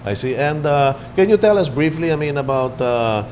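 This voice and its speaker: A man's voice: fairly high pitch, animated, normal speed, a little mellow, a little hiss or hum. A man from the Philippines hosting a cable TV interview, chatty and joking, with many fillers. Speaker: TV talk show host.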